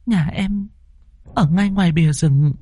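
A man doing a soft, pleading young woman. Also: unhurried, slightly rough, big-room sound. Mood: sweet. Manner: high, soft falsetto plea.

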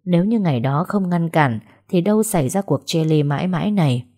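A woman narrating a family drama story in a steady, dramatic storytelling manner. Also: lowish voice, brisk.

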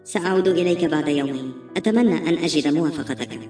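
A woman's voice: deep voice, racing, dark tone, echoey room, natural voice. A woman reading the part of a desperate pregnant young woman who pleads earnestly, heard from a distance with faint music. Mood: pleading.

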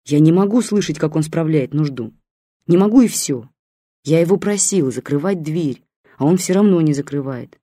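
A woman's voice: sits low, animated, moderate pace, dark tone, no room sound, studio quality. A woman reading as a distressed grown daughter complaining about her father, exasperated and pleading.

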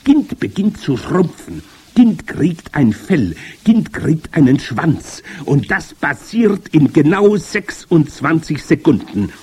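A man voicing a commanding, evil old witch queen in a storybook reading, with shrill, gloating, theatrical speech. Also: very animated, slow pace, mellow, breathy edge, full character voice. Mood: triumphant. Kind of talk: audiobook character voice.

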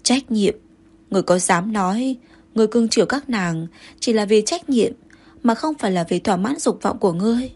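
A fiery young consort, proud and jealous, snaps back in sharp, indignant retorts, as a woman puts her on. The voice sits at an ordinary middle height with a soft, husky grain. It plays as an audiobook role. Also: mid-range voice, animated, fairly quick. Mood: accusing.

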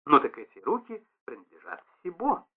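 A man's voice: fairly high pitch, huge pitch swings, normal speed, husky, heavily acted. A man reading aloud and voicing a stout, fussy middle-aged concierge woman who talks in a wheedling, reproachful, effusive way. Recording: tinny band-limited radio broadcast.

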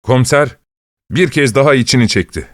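An audiobook narrator, a man with a mid-range voice, reads a story aloud in a measured, even storytelling manner. It's scripted narration captured in clean studio sound with no room sound.

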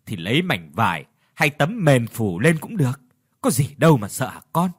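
A man doing a calm old village man. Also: mid-range voice, normal speed, slightly rough. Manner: matter-of-fact, reassuring.

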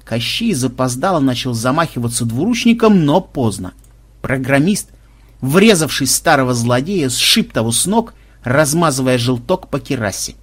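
A man narrating an audiobook in a lively, expressive reading. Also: mid-range voice, normal speed, slightly rough. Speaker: audiobook reader.

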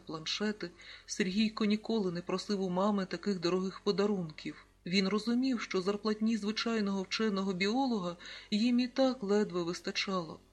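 A narrator calmly reading a children's book aloud, announcing page numbers. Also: mid-range voice. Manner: calm, even storytelling, reading out page numbers. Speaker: audiobook narrator.

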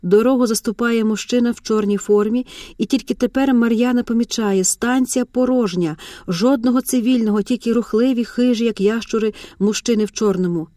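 Woman narrating an audiobook, mellow tone. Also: a little high, brisk, no room sound, studio quality.

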